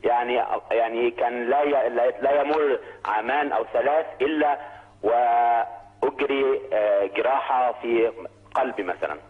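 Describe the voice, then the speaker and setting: An Egyptian-accented man phones in to a broadcast, his voice thin and squeezed through a tinny phone line. He speaks at a middling pitch, haltingly, stopping and restarting as he works his way toward a question. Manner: hesitant, many fillers and restarts. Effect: heard over the phone. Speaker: caller. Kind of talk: call-in question to a TV program.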